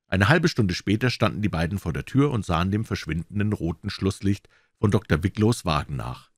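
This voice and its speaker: Male audiobook reader, deep, lively delivery, dry close recording. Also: no echo. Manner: expressive, voicing characters. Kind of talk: scripted audiobook narration.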